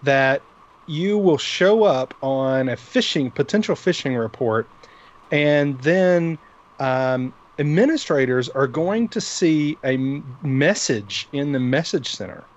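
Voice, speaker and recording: Man, middle pitch, casual tech co-host, unscripted news discussion, slightly dull lo-fi audio. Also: animated, takes it slowly. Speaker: co-host of a live tech show.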